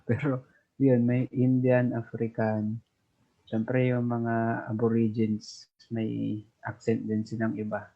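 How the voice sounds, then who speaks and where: A man from the Philippines tells his stories slowly and easily, as a podcast guest. His voice sits at an ordinary middle pitch. The remote call audio sounds dull and lo-fi. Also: completely flat delivery. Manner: unhurried, easygoing storytelling. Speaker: guest, overseas worker. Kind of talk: casual chat.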